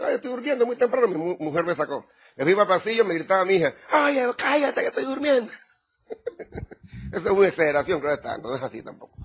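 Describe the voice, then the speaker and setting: A man's voice: high voice, slightly rough. A middle-aged man preaching a sermon, speaking directly to his congregation with rising emphasis. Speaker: pastor.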